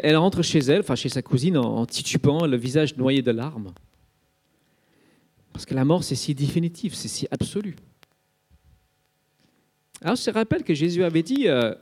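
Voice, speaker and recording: A man's voice: a little high, a little mellow. A man preaching an Easter sermon, telling it as a vivid story with frequent little fillers. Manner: vivid storytelling, dramatizing the scenes; frequent fillers like "hein" and "euh".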